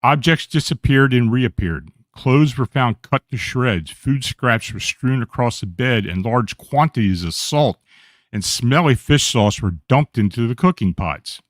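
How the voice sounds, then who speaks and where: A man's voice: medium pitch, a little slow, no echo. Man reading eerie accounts, dry sound. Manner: steady reading with small slips and self-corrections. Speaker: radio show host reading paranormal accounts. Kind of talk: read-aloud storytelling.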